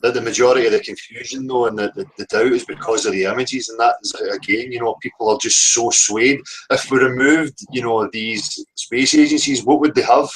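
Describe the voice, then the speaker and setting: A man's voice: mid-range voice, fairly even intonation, a little fast, few pauses, fairly bright tone, rough recording. Emphatic man on a video call. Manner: emphatic, repeats himself for stress. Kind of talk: casual discussion on a video call.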